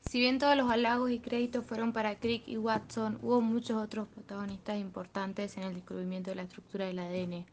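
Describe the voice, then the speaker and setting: A woman's voice: mid-range voice, little pitch movement, a little fast, few pauses, a little hiss or hum. A young woman, a student, reading a school presentation steadily, with small fillers.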